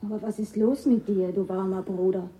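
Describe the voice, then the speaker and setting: A woman's voice: mid-range voice, fairly even intonation, moderate pace, lightly acted. A woman playing a brazen, whispering blind nun. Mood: seductive. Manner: hushed, teasing, often whispering.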